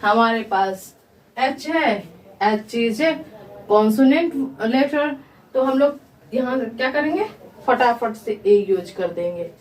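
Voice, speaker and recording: A woman English teacher with a somewhat high, animated voice explains a grammar lesson in Hindi, speaking slowly and repeating questions to the class before answering them herself. Her voice comes from far away in an echoey room.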